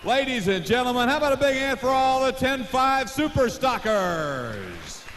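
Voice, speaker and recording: A man's voice: very high-pitched, very animated, moderate pace, a bit bright. An American man working as an arena announcer, presenting competitors like a showman and stretching out their names. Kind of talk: driver introductions at a tractor pull show. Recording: echoey, noisy live arena PA.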